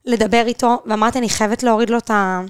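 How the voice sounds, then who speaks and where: A woman's voice: on the high side, clear, resonant tone, no room sound, clean studio sound. A young woman co-hosting a podcast, telling a story in casual chat and acting out the voices of the people in it. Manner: animated storyteller, quotes herself and others in dramatic voices. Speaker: podcast co-host.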